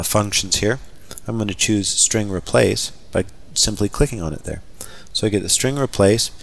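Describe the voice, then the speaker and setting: A man teaching a software scripting lesson over a screen recording, talking casually and thinking aloud with fillers as he types. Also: fairly low pitch. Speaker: software trainer. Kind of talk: screen-recorded coding tutorial.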